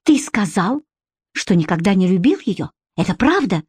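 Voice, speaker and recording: A lovestruck woman speaks softly and slowly, stretching her words as she pleads, as a woman reads her in an audiobook. Her voice lifts higher than the narration, and the recording is dry and close. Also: big pitch swings, husky, no echo. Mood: hurt. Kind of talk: audiobook reading.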